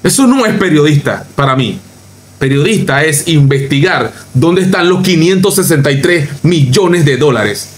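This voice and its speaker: A man's voice: on the high side, lively intonation, moderate pace. A man from Panama with a Panamanian accent, ranting emphatically through a reaction commentary as a youtuber, repeating his points and mocking others. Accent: Panamanian Spanish.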